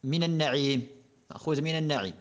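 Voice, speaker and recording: Male grammar teacher, slightly high voice, steady and methodical, reciting conjugation tables. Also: fast talker, dull audio. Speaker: teacher of Arabic morphology. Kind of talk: classroom lesson explaining a grammar poem.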